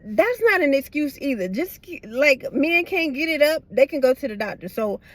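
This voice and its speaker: A woman's voice: high-pitched, big pitch swings, normal speed, dry recording. A middle-aged woman with a slight lisp from wearing retainers, tired and chatting candidly in a rambling, blunt, slangy way. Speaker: vlogger. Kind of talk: casual, candid chat to viewers. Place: inside a parked car.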